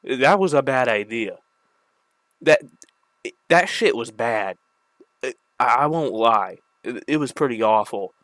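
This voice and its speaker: A man's voice: medium pitch, expressive, slow, long pauses, a bit bright, dry recording. A man ranting casually about video games, annoyed and swearing freely, with a slight lisp from the retainers he is wearing. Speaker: gaming video creator. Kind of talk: casual rant to camera.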